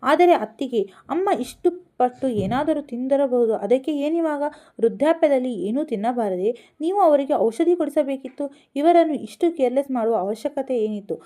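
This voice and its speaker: A woman's voice: high voice, big pitch swings, normal speed, a little mellow. A woman voicing a grown daughter who is distressed and indignant, pleading and raising her voice.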